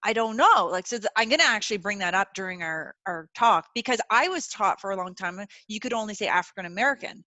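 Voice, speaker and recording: A woman's voice: mid-range voice, lively intonation, fast talker, hardly any pauses, pushed and bright, no room sound. A woman hosting a webinar over a video call, chatting casually and reassuringly, with lots of "like" and "you know". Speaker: webinar host. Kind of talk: casual chat.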